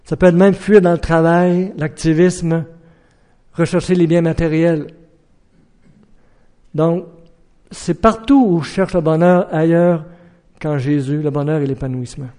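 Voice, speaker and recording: A middle-aged man preaches a sermon in an earnest voice pitched a little high. He keeps putting questions to his listeners and breaks into acted-out shouted warnings. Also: fairly even intonation, measured pace, pauses often.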